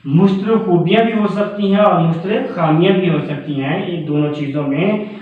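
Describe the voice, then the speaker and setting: A man teaching a grammar lesson as a professor. He speaks deliberately, repeats key terms and addresses his students as children. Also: high-pitched, soft background music. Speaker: Urdu professor. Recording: very echoey, tinny phone-like sound.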